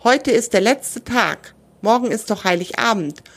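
A woman reading the part of a cheerful, friendly young girl in a children's story, making suggestions brightly. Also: a little high, animated, a little slow, full character voice.

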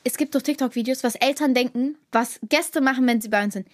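A woman's voice: high voice, quick pace. A teenage girl co-hosting a family podcast, arguing indignantly and talking over her mother. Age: teens. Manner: argumentative, indignant, talks over others. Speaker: podcast co-host, daughter. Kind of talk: casual family podcast banter.

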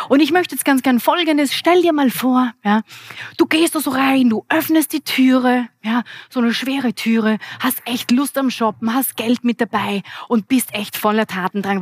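An Austrian woman in her forties giving an energetic, interactive keynote talk as a business trainer, speaking straight to a live audience. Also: high voice, no echo. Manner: lively, energetic, addresses the audience directly. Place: event hall with live audience.

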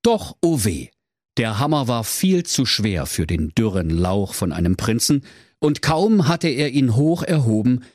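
A man tells a comic bedtime story in a playful, animated way. His voice swings widely in pitch. The sound is close and dry. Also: dry recording.

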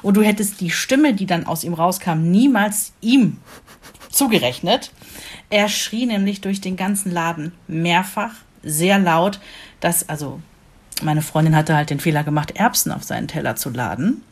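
A woman chatting casually in German, telling lively anecdotes and laughing often. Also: lowish voice, moderate pace, breathy edge. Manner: animated storyteller, laughs often. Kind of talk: casual chat.

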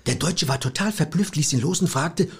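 A man's voice: a little high, fairly quick, husky. A man playing a chatty, self-assured female film critic who rambles through a plot summary with many fillers, in a comedy sketch. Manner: rambling retelling with filler words.

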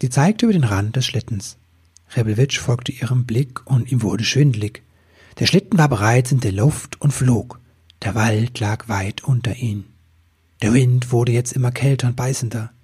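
A man reading a children's Christmas story aloud with calm, expressive narration. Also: mid-range voice, normal speed, husky.

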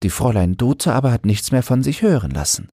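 A man's voice: medium pitch, very animated, fairly quick, warm tone, breathy edge, no echo, clean studio sound, voice pushed up. A man voicing a kindly, devout wife of a river boatman in a storybook reading. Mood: fond. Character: old woman, a boatman's wife, gentle and devout.

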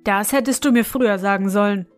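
A woman's voice: medium pitch, faint music behind, close to an everyday voice. Woman doing a cool clever young student. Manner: calm, quick and cheeky.

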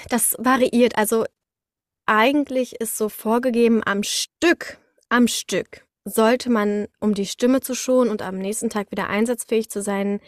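In a clean, dry studio recording, a woman with a fairly high voice speaks at a measured pace about her voice acting career as an interview guest. Her casual talk is animated storytelling, dotted with acted-out sound words for little moments.

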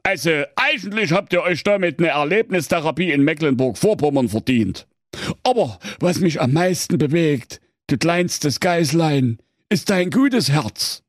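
A man's voice: a little high, animated, no echo, clean studio sound, voice pushed up. A man voicing a grumpy, easily moved police inspector in a comic fairy tale, grumbling and exasperated. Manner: slow, exasperated, sing-song grumbling.

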